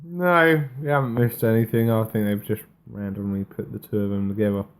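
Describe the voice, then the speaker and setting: A man's voice: fairly low pitch, steady tone, fairly quick. A man co-hosting a wrestling podcast in casual chat, sounding unenthusiastic and dismissive. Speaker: podcast co-host.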